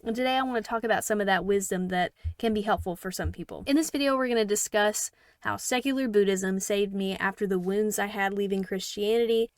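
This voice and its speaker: Irreverent woman vlogger with a middling pitch, chatting in a loose, jokey way and dropping casual swears. Her voice comes across dry and close, with no room around it. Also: dry recording. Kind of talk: casual scripted video commentary.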